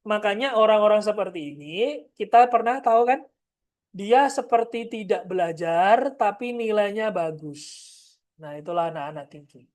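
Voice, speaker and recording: In an animated, medium-pitched voice with a darkish tone and moderate pace, a woman leads a parenting seminar as its trainer. She speaks firmly and directly, regularly turning toward the parents listening, and performs short parent-child dialogues.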